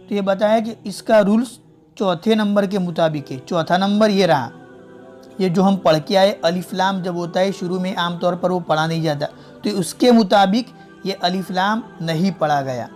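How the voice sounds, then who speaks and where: A methodical teacher leads a recorded lesson, saying each word, then the wrong reading, then the right one. The voice sits at an ordinary middle pitch and speaks straight to viewers as friends. Faint music plays quietly behind. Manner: addresses viewers directly as friends. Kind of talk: online video lesson in spoken Hindi-Urdu.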